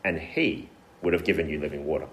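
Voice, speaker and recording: A man voicing Jesus in his own natural voice, reading with pauses and careful emphasis. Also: very deep voice, fairly bright tone, pitched below the performer's own voice. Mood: earnest. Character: Jesus speaking gently to a woman.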